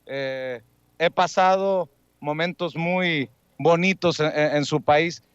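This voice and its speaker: Reportero mexicano, voz aguda, cordial y bromista, sonido seco y apagado. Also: male voice, a little high, slow, clean tone, dry recording. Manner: friendly, joking, coaxing. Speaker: street reporter. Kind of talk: street interview. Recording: dull lo-fi dry sound.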